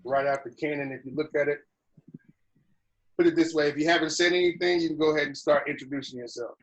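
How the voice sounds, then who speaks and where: Man, meeting host, casual, radio-style acknowledgments, slightly high pitch. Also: fast, lo-fi sound. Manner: relaxed, repeats "copy that" radio-style. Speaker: online lodge meeting host.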